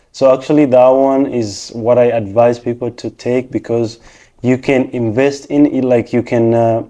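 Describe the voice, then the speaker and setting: A man's voice: medium pitch, warm tone. A man from Rwanda, patiently explaining things step by step as an interview guest. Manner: patient, explanatory, steps through points one by one. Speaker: interview guest, technician and financial professional. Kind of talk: casual interview answers.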